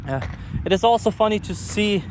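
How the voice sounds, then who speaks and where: In a low-quality phone recording, a high-pitched man with lively intonation talks a little fast as he walks down a street. The sleep-deprived, German-accented vlogger rambles candidly, swearing and self-deprecating, while cars pass amid outdoor noise.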